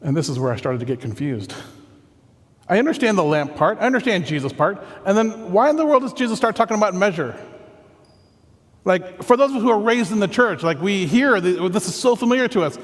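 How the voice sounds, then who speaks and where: A man pastor giving a conversational, earnest sermon that often drops into soft, reflective tones. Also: sits high, animated, fairly quick, long reverb tail.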